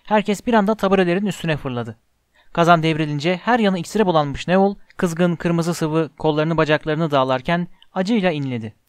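Guy reading a kids fantasy audiobook, fairly high voice, calm even read, dry close mic. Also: brisk, clear, resonant tone, no echo. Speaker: audiobook narrator. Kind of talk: scripted storybook narration.

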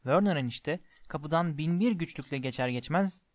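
A man narrating a story in a measured, expressive reading. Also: on the high side, dry recording. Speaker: audiobook narrator.

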